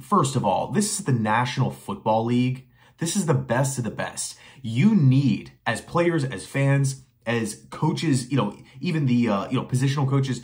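A young man giving emphatic, opinionated commentary straight to camera from a small bedroom, firing off rhetorical questions and repeating phrases for emphasis. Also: on the low side. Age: young adult. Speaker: sports commentary vlogger. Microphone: webcam or phone facing him at desk.

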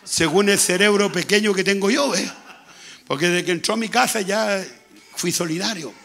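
A man with a Chilean accent preaching a sermon as pastor, with a hoarse, gravelly voice, talking loudly and repeating himself as he goes. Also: high-pitched, normal speed, soft background music. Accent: Chilean Spanish. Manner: speaks loudly, conversational preaching with frequent repetition. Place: church.

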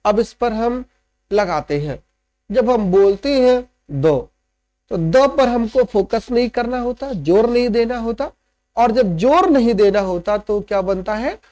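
A man's voice: high-pitched, lively intonation, unhurried, mellow. A man teaching a lecture on poetic meter, repeating each point, checking understanding with "right?" and dictating English definitions word by word. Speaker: literature teacher.

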